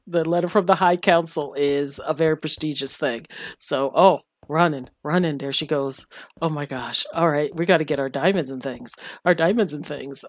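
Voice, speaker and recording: A woman's voice: low voice, no echo. A woman chatting through her gameplay, giggling and talking to her game character as she goes. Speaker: gamer. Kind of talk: casual gameplay commentary.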